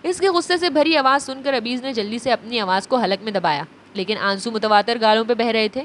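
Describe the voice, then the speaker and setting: A woman narrating a romance novel in a steady, even storytelling manner. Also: on the high side, a little hiss or hum.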